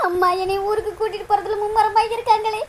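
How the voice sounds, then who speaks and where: A woman's voice: very high voice, fast, faint music behind. A woman voicing a heartbroken young woman in a cartoon, talking through sobs and pleading. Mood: tearful. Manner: sobbing, pleading.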